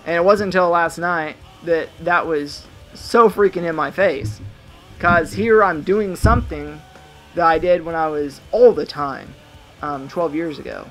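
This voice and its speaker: A man's voice: a little high, a little slow, a bit bright, faint music behind, low-quality recording. A man in his thirties rambling reflectively to a camera in a vlog monologue. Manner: reflective, musing. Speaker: vlogger. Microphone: camera mic.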